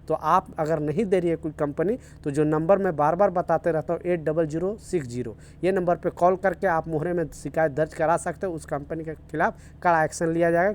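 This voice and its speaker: A man's voice: a little high, darkish tone, slight background noise. A man giving casual video news updates for workers in the Gulf, earnest and repetitive, urging viewers to take care. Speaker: news vlogger for workers in the UAE.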